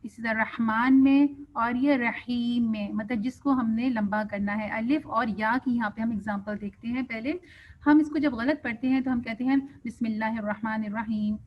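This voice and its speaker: A woman's voice: on the high side, fairly even intonation. A woman teaching a Quran recitation lesson, patiently explaining pronunciation and showing wrong and right ways. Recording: dull lo-fi sound.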